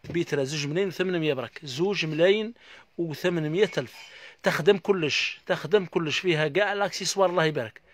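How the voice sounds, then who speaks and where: A man with an Algerian accent giving a live sales pitch in a shop, repeating prices and stock blessing phrases as he hawks his goods. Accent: Algerian Arabic. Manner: rapid, repetitive hawking with stock blessing phrases. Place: inside a household goods shop.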